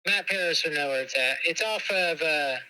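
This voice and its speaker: Bright man on speakerphone. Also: on the high side, clean tone, rough recording. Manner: easygoing, halting with fillers. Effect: heard through a speakerphone. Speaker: phone caller. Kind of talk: casual phone chat.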